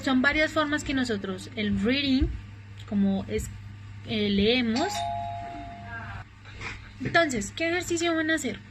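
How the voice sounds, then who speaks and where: A woman teaching an English class in Spanish, a native Spanish speaker explaining examples patiently and slowly. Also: high-pitched, expressive, background noise. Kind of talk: recorded online class explanation.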